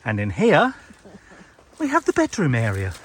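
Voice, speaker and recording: A man's voice: mid-range voice, wildly swooping pitch, normal speed, a little hiss or hum. Jokey British man giving a tent tour. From United Kingdom. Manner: jokey, chatty, laughs often. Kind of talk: casual chatty vlog. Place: inside a large tent at a campsite.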